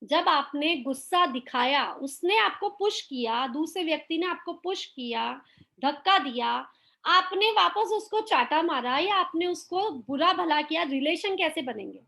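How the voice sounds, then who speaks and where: A middle-aged woman with a very high voice leads a live online class. She keeps putting questions to her listeners and acts out small family quarrels to make her points. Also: expressive, unhurried, creaky, bright, forceful tone. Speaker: motivational teacher.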